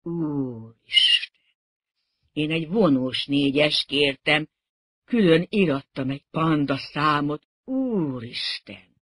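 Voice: medium pitch, lively intonation, bright, forceful tone, husky, no echo. A reader playing an indignant, pompous general. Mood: despairing. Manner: indignant, exasperated. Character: flustered pompous older male general.

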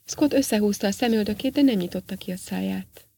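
A woman reads a story aloud in a steady, measured audiobook style. Her voice sits at a medium pitch and carries a noticeable gravelly texture. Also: a little hiss or hum. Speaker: narrator. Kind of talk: audiobook narration.

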